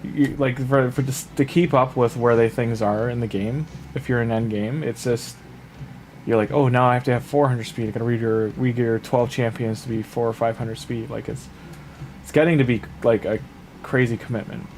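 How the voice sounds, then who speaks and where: A medium-pitched man talks at a normal speed as he streams a game late at night, with a little hiss or hum in the audio. Chatting loosely with viewers, he gives laid-back, filler-laden advice and sounds sniffly, nearly over a cold.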